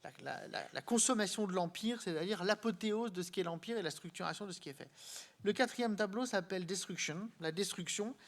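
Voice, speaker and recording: Here a man with a high-pitched voice talks his listeners through art history in a live lecture. He often stumbles, repeating words while groping for what to say next.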